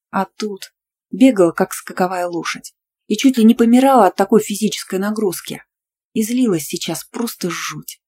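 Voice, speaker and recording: A woman narrating a first-person audiobook in a lively, playful, ironic way. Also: fairly low pitch, a little hiss or hum.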